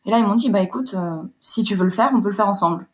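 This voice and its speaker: Young polish-born woman in her 20s, sailor guest, chatty and explains stuff easily, mid pitch. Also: rapid-fire, darkish tone. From Poland. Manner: fluent, explanatory storytelling. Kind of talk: casual interview chat.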